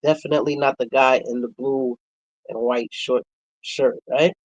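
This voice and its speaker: A man, telling a personal story in a reflective, halting way, with many pauses and fillers. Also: medium pitch, fairly even intonation, no echo, lo-fi sound. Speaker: vlogger.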